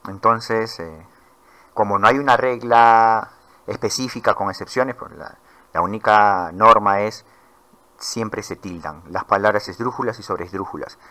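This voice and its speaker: A man giving a patient grammar lesson to his students. His voice is low-pitched but bright and forward. He pauses often and fills the gaps with short hesitations. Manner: patient explanatory, with frequent fillers. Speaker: teacher.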